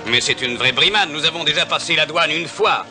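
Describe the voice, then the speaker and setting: A man's voice: on the high side, a little fast, music in the background, natural voice. An actor playing a polite, bookish young nobleman with a refined, courteous manner, in a dubbed TV adventure. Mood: indignant. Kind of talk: French-dubbed television adventure acting.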